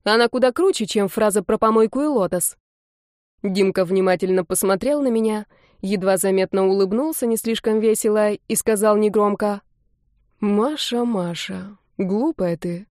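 A woman narrating a first-person novel aloud, giving the heroine's lines a playful, expressive delivery. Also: medium pitch, normal speed, dry recording, clean studio sound. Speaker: audiobook narrator. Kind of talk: first-person novel reading with voiced dialogue.

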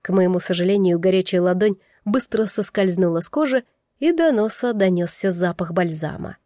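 Woman reader, expressive first-person audiobook narration, dry close recording. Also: lowish voice, normal speed, no room sound.

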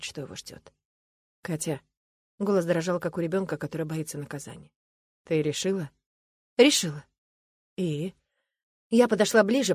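A woman's voice: fairly low pitch, a little mellow, breathy edge, no room sound. A woman reading a first-person story aloud, in an earnest, reflective and emotional way.

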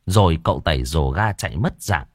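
A man's voice: rumbling low, fairly quick, dry recording, clean studio sound. A man telling a comic ghost story vividly. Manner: lively, vivid narration.

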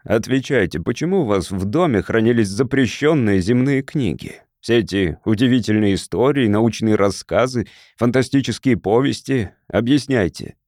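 A man's voice: fairly low pitch, lively intonation, normal speed, hardly any pauses, darkish tone, no echo, studio quality. A man voicing a curt Martian military mentor who interrogates a prisoner in a storybook reading. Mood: stern.

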